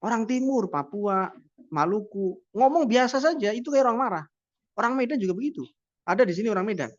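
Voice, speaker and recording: A man's voice: high-pitched, animated, brisk, dry recording. A man giving a university lecture, talking conversationally and posing rhetorical questions he then answers. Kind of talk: classroom lecture. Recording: dull, dry lo-fi sound.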